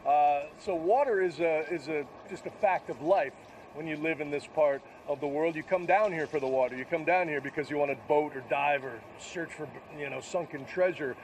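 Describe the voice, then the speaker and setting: A male field reporter giving an unscripted live report outdoors in a conversational, halting way. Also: on the high side, a little mellow. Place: outdoors in gusty weather. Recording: faint outdoor wind noise.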